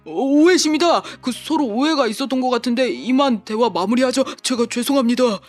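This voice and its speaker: A very high-pitched, petty young male scammer, played by a man in an audio drama, a hotheaded bully who turns into a stammering coward. Faint music runs underneath. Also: brisk. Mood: nervous. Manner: stammering, swings from taunting to groveling.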